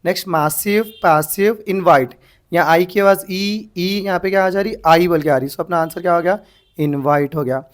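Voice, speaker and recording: A man's voice: high-pitched, normal speed. A man teaching an exam-prep English lesson, spelling words out letter by letter and asking himself questions as he goes. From India. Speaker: English grammar tutor.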